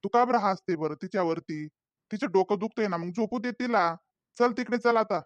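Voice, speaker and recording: A man voicing a patient father in a cartoon, soothing his daughter and trying to calm his quarreling family. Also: sits high, moderate pace, lo-fi sound, slight background noise, lightly acted. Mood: placating. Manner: soothing, placating. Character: patient, placating young father. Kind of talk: cartoon voice acting.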